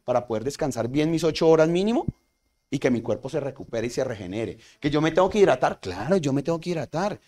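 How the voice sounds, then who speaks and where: A man teaching a community first aid class. He asks the audience questions and answers them himself. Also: on the high side. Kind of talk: community training talk.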